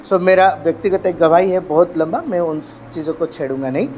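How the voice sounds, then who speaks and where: A male pastor from India preaching a sermon emphatically, with frequent hallelujahs and swings between loud and hushed delivery. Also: fairly high pitch, a little fast, muffled recording, faint music behind.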